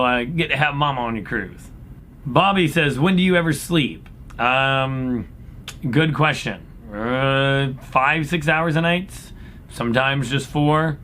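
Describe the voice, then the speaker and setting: A man speaking as an upbeat, folksy cruise director, casually answering questions in a laid-back chat. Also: pushed and bright. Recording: clear background noise with low rumble.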